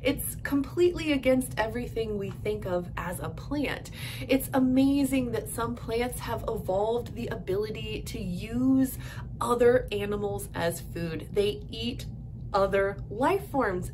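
A woman's voice: fairly high pitch, unhurried. A woman in her thirties explaining to camera in an emphatic, enthusiastic way. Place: indoors before a printed backdrop. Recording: clear background noise.

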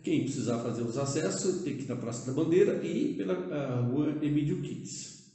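An older Brazilian man chats straight to the camera in a loose, conversational way, dropping "né?" tags and restarting his phrases. His voice is dark and mellow. It rings around a very reverberant room. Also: a little high, animated, normal speed. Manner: conversational, with frequent "né?" tags and hesitations. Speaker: vlogger proposing a civic project. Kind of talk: casual direct-to-camera talk. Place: indoor room, seated at a table. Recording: echoey room.

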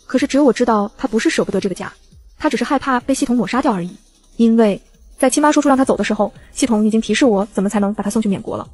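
Woman narrator, audiobook, quick delivery, slightly high voice. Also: darkish tone.

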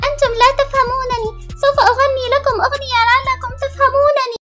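A woman voicing a lonely schoolgirl doll who feels unloved, in a high, pleading voice. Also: flat delivery, quick pace, over music. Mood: defiant. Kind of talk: toy doll drama voicing.

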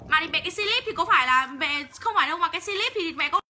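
A young woman sells clothes on a livestream, swinging between quick sales patter and profane, angry ranting. Her voice is high and piercingly bright, and she talks fast. Faint room noise sits behind her. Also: expressive. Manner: rapid sales patter calling out buyers' names. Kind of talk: livestream selling, ranting at viewers.

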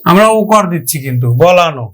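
High-voiced man teaching grammar slowly. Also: fairly bright tone. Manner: slow, drawn-out syllable-by-syllable demonstrations with rhetorical questions to students. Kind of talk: exam-prep grammar lesson.

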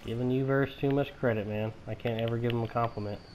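A man's voice: medium pitch, steady tone, fast talker, a little mellow, a little hiss or hum, poor audio. A man chatting casually with others while he plays a video game. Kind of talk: casual chat while gaming.

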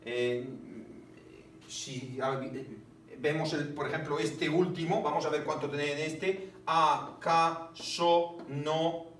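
A man with a fairly high voice teaches a poetry lesson at an unhurried pace, pausing often with fillers as he counts syllables out loud. He sounds distant from the mic in an echoey classroom, with faint noise behind him. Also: fairly even intonation. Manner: slow and halting, many fillers, counts syllables aloud. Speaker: literature teacher.

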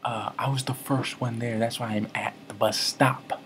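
Male comic vlogger, deadpan rambling storyteller, medium pitch, faint room hiss. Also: normal speed. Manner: rambling, self-correcting, mock-serious. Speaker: comedy vlogger.

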